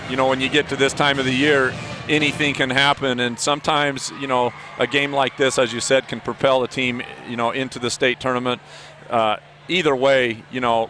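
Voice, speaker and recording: A man doing color commentary after a basketball game, out of breath, talking in long rambling sentences full of "you know". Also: medium pitch. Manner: rambling, many you-knows, excited. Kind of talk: postgame sports commentary.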